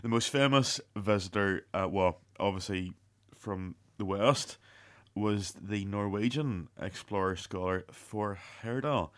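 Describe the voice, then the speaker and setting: Male radio host, lowish voice, scripted factual narration, slightly halting read.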